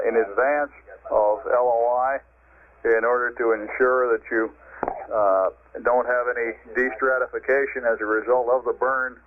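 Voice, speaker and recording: American man over walkie-talkie, heavy static. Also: mid-range voice. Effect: two-way radio, walkie-talkie sound. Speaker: mission control radio communicator. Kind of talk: procedural radio chatter over walkie-talkie style two-way link. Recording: noisy narrow-band archival 1960s radio link. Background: radio static and clicks.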